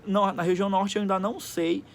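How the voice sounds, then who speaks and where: Guy teaching class, kinda high and gravelly, faint hiss behind. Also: little pitch movement, fast talker. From Pará, Brazil. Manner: explains simply, often checks in with "tá?". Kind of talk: recorded classroom lesson.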